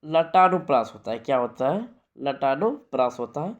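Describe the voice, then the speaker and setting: A man's voice: medium pitch, big pitch swings, moderate pace, dull audio. A man teaching a grammar lesson for an exam, repeating key points and asking rhetorical questions.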